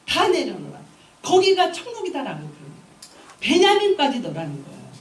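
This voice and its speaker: A woman evangelist preaching with a high, lively voice that swoops up and down as she tells the story and exhorts the congregation. She sounds distant from the mic, and her voice rings through a reverberant church hall with faint background noise. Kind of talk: sermon.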